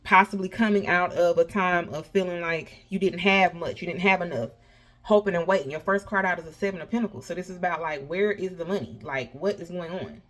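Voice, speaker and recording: Speaking a little fast in a fairly low voice, this woman hosts a tarot reading with folksy sass, addressing viewers as honey and baby. A slushy lisp colors her s sounds throughout.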